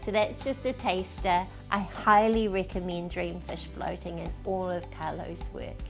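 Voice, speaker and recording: A woman's voice: lowish voice, steady tone, a little slow, faint music behind. A woman presenting a book review segment, speaking directly to the audience.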